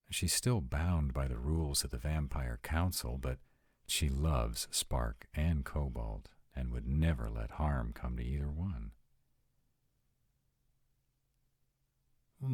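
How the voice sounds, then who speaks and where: In an intimate audio roleplay, a man plays a young male vampire who is sardonic yet troubled, sounding defensive and worried. His extremely deep voice is husky and mellow, and he confides casually, hesitantly, with swearing. The heavily acted performance is studio quality with no echo.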